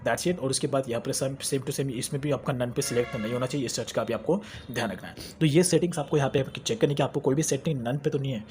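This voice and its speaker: A man's voice: mid-range voice, fast talker, few pauses, a little mellow, faint music behind. A young man hosting a phone tech tutorial, chatty and repetitive, mixing English terms into Hindi as he walks through settings. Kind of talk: screen-recorded how-to tutorial.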